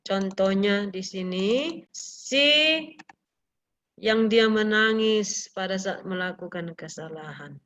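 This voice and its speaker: A woman's voice: mid-range voice, slow pace. A woman teacher, explaining a lesson and questioning pupils in an online class.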